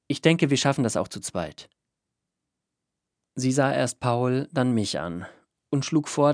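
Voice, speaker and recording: A man with a low, gravelly voice reads a first-person story aloud. His delivery is calm and even, and the sound is dry and close, with no room around it. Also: dry recording. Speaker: audiobook narrator.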